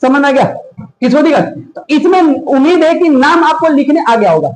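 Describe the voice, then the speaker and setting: High-voiced male teacher quizzing a class. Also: animated, normal speed, darkish tone. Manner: quizzing students with repeated questions. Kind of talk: classroom lesson. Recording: echoey classroom.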